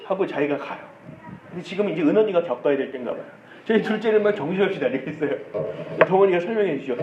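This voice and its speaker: 한국인 남자 목사가 가족 이야기와 흉내를 섞어 설교하는 목소리, 울림이 큰 교회 녹음. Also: male voice, sits high, animated, fast. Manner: storytelling with acted quotes and soft laughs. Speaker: pastor. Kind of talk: sermon. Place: church sanctuary. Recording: dull echoey church sound with faint hiss.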